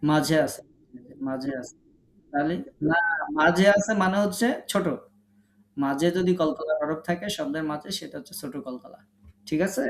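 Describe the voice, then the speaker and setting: Patient man teaching recitation online. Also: on the high side. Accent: Bangladeshi Bengali. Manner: patient, corrective, drills sounds slowly and repeats them. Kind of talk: live online class, correcting students one by one. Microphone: online class call.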